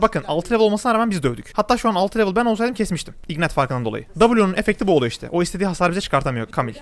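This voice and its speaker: Young guy talking a mile a minute over his game, slightly high voice, chatty with viewers. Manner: rapid, chatty, addresses viewers directly. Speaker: gameplay commentator. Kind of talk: live gameplay commentary.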